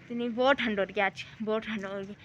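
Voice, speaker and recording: At night on a windy rooftop, a young woman vlogs casually, chatting on while she shivers in the cold with a sore throat. She talks fast in a medium-pitched, steady, fairly bright voice, and the sound is lo-fi.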